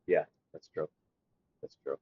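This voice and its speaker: A man in his thirties co-hosting a podcast, talking casually, animated, stumbling over restarts and laughing often. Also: measured pace, dry recording, highs cut off. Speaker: podcast co-host. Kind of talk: casual chat.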